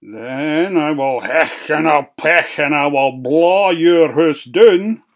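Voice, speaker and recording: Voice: mid-range voice, slow pace. A narrator voicing a sly, hungry old grey wolf in a Scottish storybook tale, in a wheedling sing-song. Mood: threatening. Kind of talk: storybook reading.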